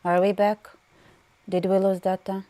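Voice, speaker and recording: A woman's voice: medium pitch, little pitch movement, a little slow, warm tone. A woman with an Israeli accent hosting a casual livestream, chatting, laughing often and reading viewer comments aloud. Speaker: livestream host.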